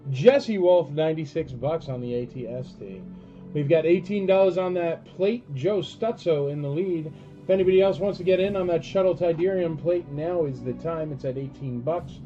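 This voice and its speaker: A man's voice: on the high side, normal speed, mellow, dull audio, faint music behind. A man working as an auctioneer on a live sale, talking in informal patter with emphatic calls. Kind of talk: auctioneer running a casual live collectibles sale.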